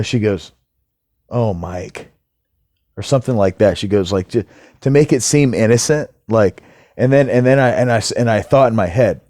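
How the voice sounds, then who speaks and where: Heated, ranting man with a low voice. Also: warm tone, dry recording, studio quality. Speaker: vlogger. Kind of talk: casual monologue to camera.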